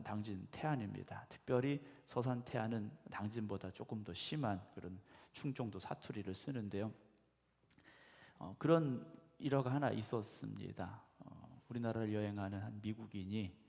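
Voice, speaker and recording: A male pastor preaching a conversational sermon, often putting questions to the congregation and affirming with a quick "yes.". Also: lowish voice, gravelly, darkish tone. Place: church sanctuary. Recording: echoey church hall.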